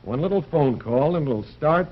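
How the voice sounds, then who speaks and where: A man's voice: on the high side, expressive, moderate pace. An American man playing a wry, cool-headed private detective in a 1950s crime drama. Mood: cool, taunting. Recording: dull vintage broadcast sound.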